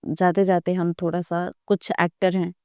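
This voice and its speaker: A woman's voice: on the low side, flat delivery, moderate pace, a little mellow, clean tone, no echo, studio quality. A woman hosting an interview podcast who asks her guest questions in a conversational way. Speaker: podcast host.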